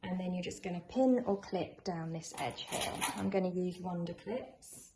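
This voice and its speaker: Female tutorial host: encouraging, conversational, slightly low-pitched, recorded in a roomy space with clear noise behind. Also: normal speed. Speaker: sewing tutorial presenter. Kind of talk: informal craft tutorial, talking through a demonstration. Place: indoors in a room at home. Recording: echoey room, clear background noise of drilling. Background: builders' drilling and work noise.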